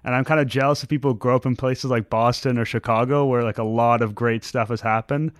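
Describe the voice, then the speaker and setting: A man from Toronto hosts a podcast interview, his voice clear and smooth. He sits close to the microphone in a dry room and keeps the chat friendly and a little self-deprecating. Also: mid-range voice, fairly even intonation, fast, no echo. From Toronto, Canada. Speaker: podcast host.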